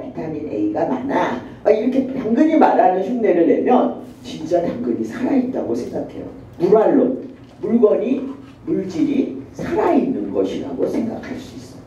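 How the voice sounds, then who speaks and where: A woman professor with a deep, mellow tone gives a university lecture in a lively, swooping style, animatedly acting out children and mothers in her examples. A distant mic catches her from across a very echoey classroom, and the sound is dull and lo-fi with faint room noise.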